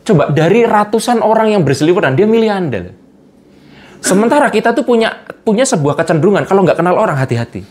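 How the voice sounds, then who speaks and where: Animated man. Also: sits high, quick pace. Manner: animated, explains with everyday examples, chuckles often. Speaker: guest speaker on vibration and energy. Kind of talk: casual interview talk.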